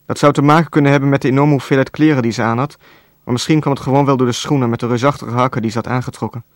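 A man reading a novel aloud as narrator, in a calm, even storytelling voice with a dry wit. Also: medium pitch, very fast, no room sound. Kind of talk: scripted audiobook narration.

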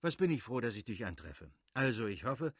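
A man voicing a good-natured, effusive middle-aged nobleman who pleads warmly with his brother-in-law. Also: mid-range voice, very animated, normal speed, husky, no room sound, clean studio sound. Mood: effusive pleading. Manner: warm, effusive, imploring.

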